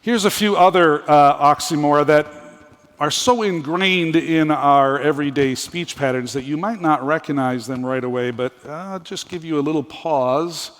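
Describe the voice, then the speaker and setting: A man's voice: fairly high pitch, normal speed. A man from Minnesota, a professor giving a conference sermon in a folksy, playful manner with wordplay and questions to the audience. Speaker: conference speaker and theology professor. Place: large hall. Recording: hall reverb.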